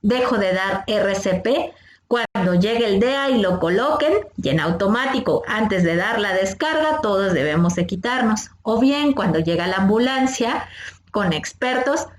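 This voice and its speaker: A woman's voice: medium pitch, animated, a little slow, reverberant. A woman, a first aid instructor patiently teaching a class of young scouts step by step and asking them questions. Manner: patient, explains step by step, asks the kids questions.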